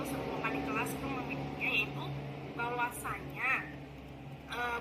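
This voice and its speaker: A woman with a slightly raised pitch acts as the coach in a role-play. She is polite and encouraging and keeps affirming the other speaker. Steady background noise is clearly audible. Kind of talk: role-played coaching session.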